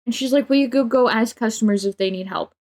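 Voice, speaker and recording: A young woman streamer ranting in a casual, storytelling way, her voice sitting a touch high. She sounds exasperated and swears freely, with her sentences full of filler words. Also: fast, a little mellow. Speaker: livestreamer.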